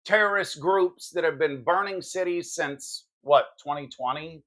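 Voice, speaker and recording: A man's voice: on the high side, measured pace, fairly bright tone. A man hosting a political podcast, delivering commentary in an emphatic, combative manner. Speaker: podcast host.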